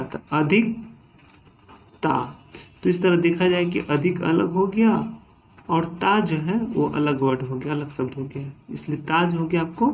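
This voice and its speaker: A man's voice: on the high side, a little mellow, a little hiss or hum. A man teaching a grammar lesson, breaking words apart syllable by syllable and checking in with his students again and again. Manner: repetitive, frequent "ठीक है" and "है ना" check-ins. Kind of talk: classroom-style lesson.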